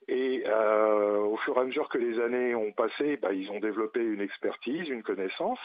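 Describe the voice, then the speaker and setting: A man's voice: lowish voice, normal speed, dry recording. A man calling in over a landline phone as a guest on a radio talk show, explaining at length with many hesitations. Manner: explanatory, with frequent hesitations and fillers. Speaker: guest teacher and union representative. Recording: muffled phone line, dry.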